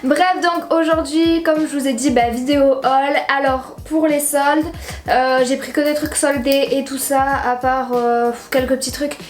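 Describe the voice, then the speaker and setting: Chatty high-voiced teenage girl vlogging. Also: fairly even intonation, unhurried, reverberant. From southern France. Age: teens. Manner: chatty, rambling, slangy with frequent fillers. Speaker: YouTuber. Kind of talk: casual haul vlog.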